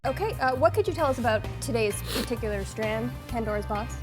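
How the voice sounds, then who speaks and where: An actress playing a polite, hesitant field reporter doing an interview in a comedy sketch. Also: female voice, a little high, lively intonation, fast, over music, close to an everyday voice, poor audio. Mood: polite, uneasy.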